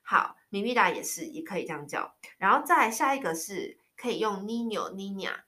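A woman's voice: mid-range voice, animated, a little fast, pushed and bright. A woman in her thirties teaching Spanish words in a casual, chatty way, spelling them out letter by letter. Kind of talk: casual language lesson.

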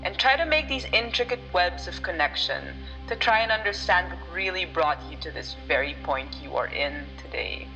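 A playful explorer guide, played by a woman, gives scripted instructions in a fairly low voice. Music plays clearly behind the narration. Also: expressive, moderate pace, few pauses, sharp tone, poor audio. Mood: earnest, encouraging. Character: playful explorer guide setting a self-discovery task.

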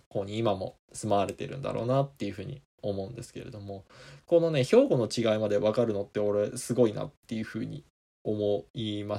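A man from Kansai, Japan, hosts a casual podcast and reads out listener comments. His voice sits low and has a gravelly fry. He meanders through his answers with lots of small asides. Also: warm tone. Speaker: podcast host.

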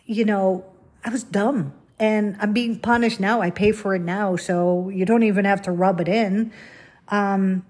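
A woman's voice: mid-range voice, steady tone, measured pace, darkish tone. A middle-aged woman from the Netherlands, hosting a podcast in a candid, rambling, self-deprecating solo monologue. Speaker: podcast host.

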